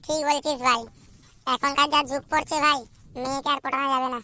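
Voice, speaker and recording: A woman's voice: high-pitched, little pitch movement, sharp tone. A woman voicing a whiny, crude young unmarried man in a cartoon, chattering and complaining. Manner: fast complaining chatter, full of swearing. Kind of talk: cartoon voice acting.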